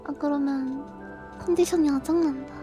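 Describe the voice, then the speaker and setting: A woman's voice: high-pitched, steady tone, moderate pace, over music. A young woman streamer chatting casually to her viewers in a cute, sweet anime-streamer manner. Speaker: live streamer signing off.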